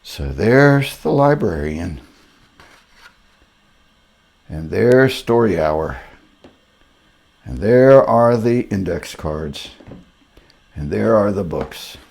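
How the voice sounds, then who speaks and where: A man's voice: lowish voice, big pitch swings, extremely slow, creaky, pauses often, darkish tone. An older man reading a storybook aloud to children, with wry joking asides between the lines.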